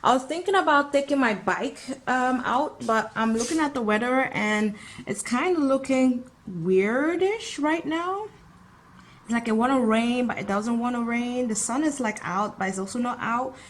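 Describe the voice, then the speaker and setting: The same young woman vlogs with an animated, fairly high-pitched voice at normal speed, though it's heavy from the morning. She speaks openly to her phone or handheld camera, mixing in some French as she goes from home to the outdoors.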